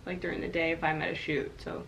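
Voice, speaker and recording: Young female co-host, bright voice on the low side, casual and giggly Q&A chatter. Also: flat delivery, fast, vocal fry, slight background noise, low-quality recording. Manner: chatty, laughs often, lots of "like". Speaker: co-host of a couple's channel. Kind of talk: casual Q&A chat.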